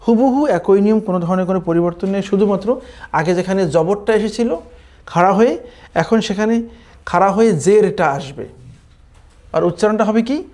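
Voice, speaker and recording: Slow, mellow-voiced Quran reading teacher. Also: male voice, high voice. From Bangladesh. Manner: slow drawn-out recitation drills, then brisk explaining with "কেমন?" checks. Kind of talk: recorded online class.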